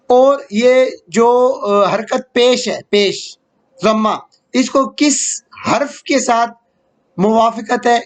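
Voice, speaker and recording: A man with a high voice delivers an online grammar lesson. He explains slowly and patiently, repeating key words. He often stops to check that his students are following. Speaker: Arabic grammar teacher.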